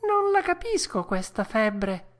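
A woman's voice: a little high, sing-song, slow pace, pitched above the performer's own voice. A woman doing a whiny frightened puppet boy. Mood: distressed. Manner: whiny, pleading, loud. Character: wooden boy puppet, young, frightened and impulsive.

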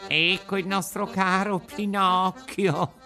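A man's voice: sits high, little pitch movement, music in the background, pitched above the performer's own voice. A sly, drawling storybook fox, voiced by a man. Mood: fawning. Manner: drawn-out, mock-sympathetic. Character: sly, smooth-talking fox.

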